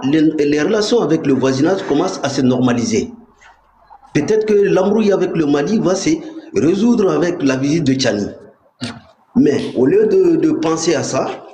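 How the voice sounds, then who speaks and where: A man's voice: medium pitch, warm tone. A man giving insistent, emphatic political commentary as a caller on a live talk show. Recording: echoey room with faint noise.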